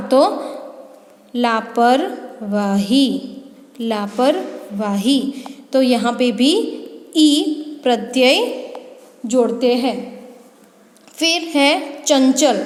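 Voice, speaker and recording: A high-pitched woman teaches a grammar lesson at an unhurried pace, drawing words out and saying each one twice. Her voice rings around a bare, echoey room with a long reverb tail. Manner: slow, drawn-out explanation with repeated words.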